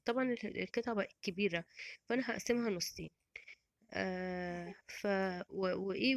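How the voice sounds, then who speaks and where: A woman's voice: on the high side, no echo. A middle-aged woman with an Egyptian Arabic accent, chatting in a rambling, casual voice-over about her home cooking. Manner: chatty and rambling, many restarts and fillers.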